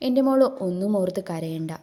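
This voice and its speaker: A woman's voice: lowish voice, expressive, a little fast, dark tone. A woman voicing an emotional older mother who is fierce toward wrongdoers and tender toward her family.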